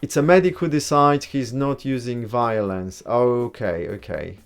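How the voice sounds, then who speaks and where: Speaking a little slowly with a smooth, medium-pitched voice, this Polish livestream host goes through viewers' comments and replies. His manner is easygoing and talkative, and he doesn't hold back his frank opinions.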